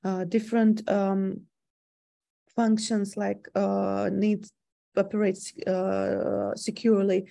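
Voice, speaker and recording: A woman in her thirties from Russia, speaking English with a Russian accent as a second language, giving a cybersecurity talk over a video call at an unhurried, hesitant pace with frequent fillers. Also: medium pitch, vocal fry, dark tone. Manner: hesitant, many fillers, thoughtful. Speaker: cybersecurity consultant presenting. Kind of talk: online conference presentation.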